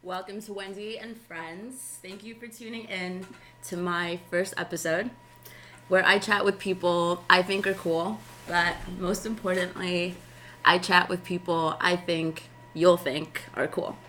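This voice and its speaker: A woman hosts an informal chat. Her voice sits slightly low and she talks slowly, hesitating and repeating herself. There is faint noise behind her. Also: fairly even intonation, fairly bright tone. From Queens, New York. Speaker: show host. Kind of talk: casual chat.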